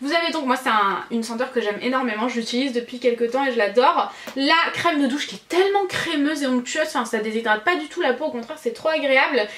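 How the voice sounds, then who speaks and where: A woman's voice: sits high, quick pace, few pauses, a bit bright, roomy sound. A woman beauty vlogger casually reviewing gift sets, chatty and gushing, with many fillers and self-corrections.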